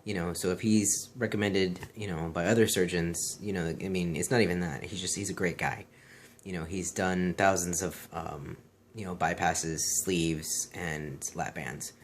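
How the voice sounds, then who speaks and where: A man's voice: low voice, fairly even intonation, moderate pace, a little hiss or hum. A man talking casually and earnestly in a personal vlog, repeating himself and often saying "you know".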